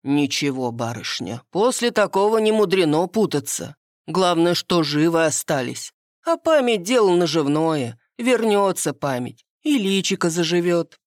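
A woman reading an audiobook, voicing a stout, kindly peasant woman of about fifty with a low chest voice and folksy, soothing speech. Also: sing-song, measured pace, no room sound, clean studio sound. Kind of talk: audiobook character voice.

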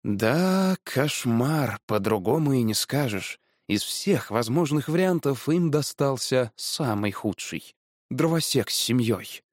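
A male storyteller reads a children's tale with a lively, animated delivery, his pitch moving freely through each sentence. His voice sits in the middle range for a man. The recording is dry and close, with no echo. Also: measured pace. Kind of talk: expressive story reading.

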